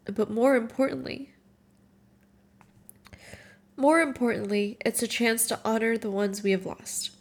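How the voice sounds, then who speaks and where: A Moroccan woman in her late twenties, her voice fairly high, speaks through tears, sounding worn out and emotional. Working through a personal reflection, she halts and starts over often, sometimes reading her own writing aloud.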